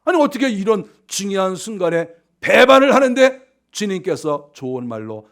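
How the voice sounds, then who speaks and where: A man pastor giving a sermon in an animated way, acting out scenes and scolding his listeners. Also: high-pitched, normal speed.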